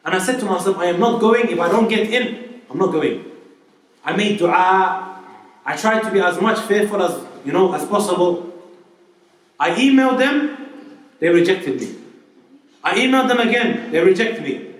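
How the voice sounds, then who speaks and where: A male preacher gives an informal Islamic talk to a live audience, chatty and packed with rhetorical questions. His voice is high with lively intonation, at a moderate pace with frequent pauses. He sounds far away in a very echoey hall.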